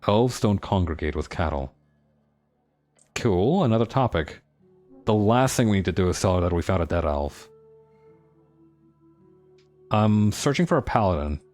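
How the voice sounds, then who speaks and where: A man thinking aloud as he streams a game. His voice is low yet lively, rising and falling freely as he muses over choices. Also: moderate pace, long pauses, soft background music. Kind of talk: casual game commentary.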